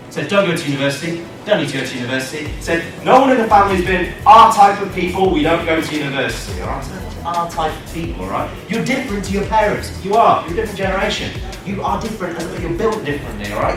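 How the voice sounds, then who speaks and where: A man, giving a lively, jokey talk to students with quick asides. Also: on the high side. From Manchester, England. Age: 30s. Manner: animated and jokey, with quick asides and acted-out quotes. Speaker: speaker for students. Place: indoor classroom with a student audience. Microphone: camera at the back of the room. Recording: echoey room from far off, music behind.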